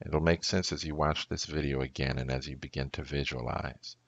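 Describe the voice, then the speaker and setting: A man, a pastor, walking through an audio recording tutorial in a slow, deliberate way, thinking aloud step by step. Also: extremely low pitch, steady tone, vocal fry, lo-fi sound.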